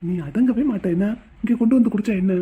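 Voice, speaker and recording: A woman voicing a fast, teasing village youth. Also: mid-range voice, dark tone, slightly rough. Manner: quick, teasing, mock-dramatic. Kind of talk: Tamil cartoon voice acting.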